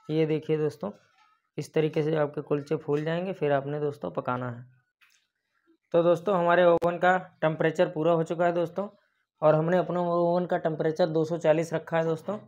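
A young adult host of a baking channel, with a slightly mellow voice on the high side, talks his audience through a recipe one step at a time. He calls them friends repeatedly, and the lapel-mic recording is dull and lo-fi.

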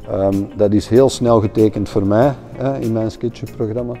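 A middle-aged Flemish man hosts and narrates, chatting easily about designing events. His voice is very dark and mellow, and it sits fairly low. Soft music plays quietly behind him. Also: moderate pace. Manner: relaxed, conversational. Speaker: event designer, series host. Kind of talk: documentary interview and narration.

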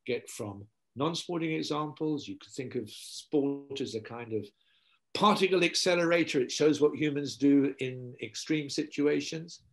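A man's voice: a little high, a little slow. Older man telling stories on a video call. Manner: animated storyteller, repeats words while thinking. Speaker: guest philosopher. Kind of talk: casual interview on a video call. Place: home study with bookshelves. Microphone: video call laptop mic.

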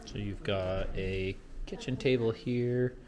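Walking through a model home and its yard, a real estate vlogger in his thirties, an American man, leads an informal, excited tour full of slang. He speaks slowly in a fairly low, steady voice with music in the background. The audio comes from a handheld camera held at arm's length, noisy with ambient sound.

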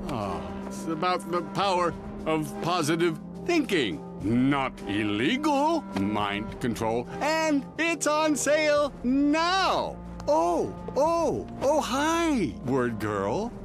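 A man voicing a smug, scheming middle-aged businessman supervillain in a cartoon, with slow theatrical salesman's patter and villainous menace. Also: high-pitched, very animated, music in the background, heavily acted. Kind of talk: animated cartoon voice acting.

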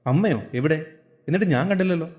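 A man's voice: fairly high pitch, lively intonation, quick pace, darkish tone, pitched above the performer's own voice, natural voice. A man voicing a concerned, earnest young son-in-law in a storybook reading, asking anxious questions.

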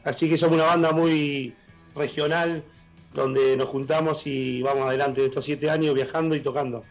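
A middle-aged Argentine man with a worn, husky voice, a blues musician talking enthusiastically on a casual radio interview over a video call. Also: fairly high pitch, steady tone, soft background music, poor audio. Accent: Argentine Spanish. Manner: enthusiastic, halting with fillers. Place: room at home, joining by video call.

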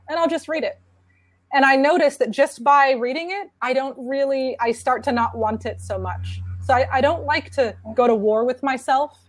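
A woman's voice: on the high side, no room sound. A woman speaking on a panel about parenting, in an earnest, conversational way. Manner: earnest, conversational, many restarts. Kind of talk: casual conference talk.

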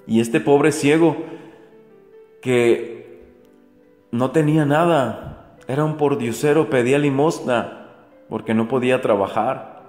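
A man preaching with earnest, repeated questions to his listeners. His voice sits at an ordinary middle pitch and rings with a long reverb. Soft music plays underneath. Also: slow pace, long pauses. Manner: earnest, repetitive rhetorical questions to the faithful. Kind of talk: daily gospel reflection. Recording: echoey room with soft music.

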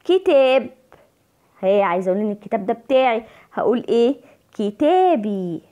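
A woman's voice: medium pitch, racing, dark tone, dull audio. A woman with an Egyptian Arabic accent teaching young children, stretching out words and answering her own questions. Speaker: primary school Arabic teacher. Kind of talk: online lesson for young children.

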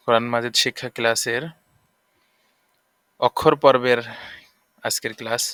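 Bright, crisp-voiced male Quran teacher. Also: mid-range voice, no room sound, clean studio sound. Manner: slow, repetitive drilling of syllables. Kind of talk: recorded lesson on Arabic letters.

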